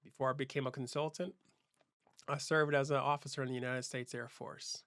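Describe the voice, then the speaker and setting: A man's voice: medium pitch, flat delivery, fairly quick, a bit bright, dry recording, clean studio sound. Earnest man telling his life story. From Southern California. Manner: earnest, reflective, with frequent restarts. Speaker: keynote speaker and channel host. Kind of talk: personal storytelling monologue.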